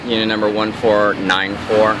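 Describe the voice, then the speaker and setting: A man's voice: fairly low pitch, little pitch movement, moderate pace. Sardonic man filming on a noisy street. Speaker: citizen filming police. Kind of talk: running commentary while filming. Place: outdoors at night on a city street. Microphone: handheld camera microphone. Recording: noisy outdoor street with traffic.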